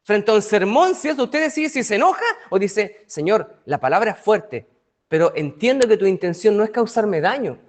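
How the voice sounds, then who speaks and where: High-voiced pastor preaching. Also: male voice, big pitch swings, moderate pace. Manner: conversational, asks the congregation rhetorical questions. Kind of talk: bible study sermon.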